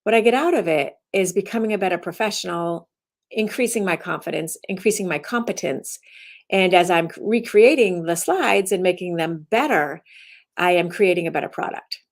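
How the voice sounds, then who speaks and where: A woman's voice: lowish voice, normal speed. A woman instructor giving her daily message as rambling casual talk, often restarting her sentences. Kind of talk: casual self-recorded talk.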